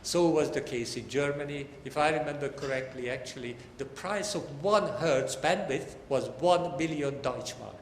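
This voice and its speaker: With few pauses and a moderate pace, an older man speaks in a slightly high voice while teaching a technical lecture as a professor. His style is conversational, full of wry remarks and emphatic stresses. The recording comes from a large, echoey indoor hall with faint background noise.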